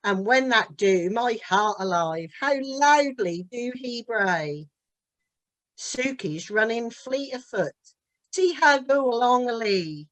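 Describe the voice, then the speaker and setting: A woman with a Norfolk accent reciting her own dialect poem in a measured lilt. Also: a little high, lively intonation, a bit bright. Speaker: dialect poet. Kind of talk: poetry recitation.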